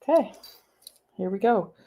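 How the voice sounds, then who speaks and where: A woman's voice: medium pitch, expressive, unhurried, warm tone. Chatty woman teaching a sewing project. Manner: chatty, reads viewer comments aloud. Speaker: sewing instructor. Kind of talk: live sewing tutorial. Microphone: laptop microphone.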